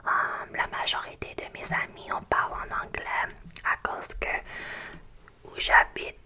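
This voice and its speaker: A young woman from Canada, whose first language is English, whispers a slow ASMR ramble in an English Canadian accent and often pauses to find her words. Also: pushed and bright. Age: young adult. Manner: hesitant, pauses to search for French words. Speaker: ASMR creator.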